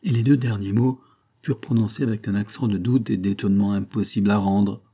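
Dark, husky male audiobook narrator. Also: fairly low pitch, fairly even intonation, brisk. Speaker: audiobook reader. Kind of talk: audiobook narration of a classic novel.

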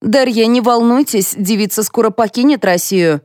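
A woman reading an audiobook, voicing a cold, domineering older matriarch who speaks slowly and deliberately. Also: fairly high pitch, darkish tone, no room sound, clean studio sound, voice pushed up, natural voice. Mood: stony. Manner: slow, stony and deliberate.

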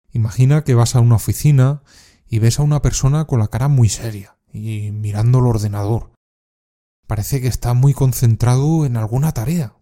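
A man from Spain teaching informal Spanish words, speaking slowly and carefully and repeating each word for practice. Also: mid-range voice, mellow. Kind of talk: scripted slang lesson with repeat-after-me drills.

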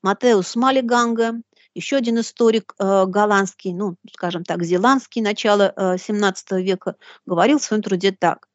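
Woman lecturer, medium pitch, deliberate and bookish, dry close sound, kinda lo-fi. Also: no room sound. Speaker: lecturer hosting a live broadcast. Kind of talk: lecture with read-out quotations.

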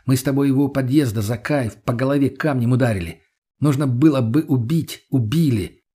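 A man's voice: medium pitch, a little fast, mellow, breathy edge, close to an everyday voice. A man playing a blunt, hardened young man. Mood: hard. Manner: blunt, commanding.

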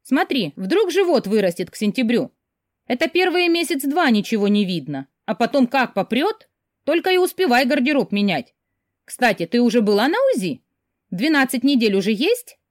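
A woman reading an audiobook, voicing a nosy, insistent older sister with a loud, pushy manner. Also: on the high side, sing-song, normal speed, no room sound, clean studio sound, voice pushed up.

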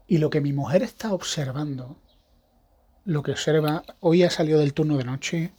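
A man's voice: fairly high pitch, normal speed, dark tone, slightly rough. A man hosting a podcast, talking in a rambling, casual monologue with frequent restarts. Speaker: podcast host; evangelical pastor.

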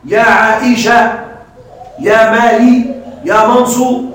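A man's voice: sits high, a bit bright. A man teaching grammar to a class, often repeating words and checking that his students follow. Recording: very echoey room from a distance.

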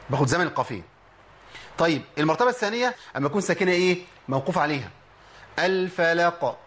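A man with an Egyptian accent giving a spoken tajweed lesson, explaining and then slowly drilling sounds, asking questions and answering them himself. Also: a little high, a bit bright. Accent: Egyptian Arabic. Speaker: Quran recitation teacher.

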